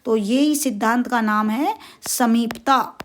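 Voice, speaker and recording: A woman's voice: fairly high pitch, a little slow, a little mellow, a little hiss or hum. A woman teacher with a north Indian accent giving an exam-prep lecture, asking questions and answering them herself, repeating key terms and using everyday stories. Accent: Hindi, north Indian. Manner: uses everyday stories and dramatic asides.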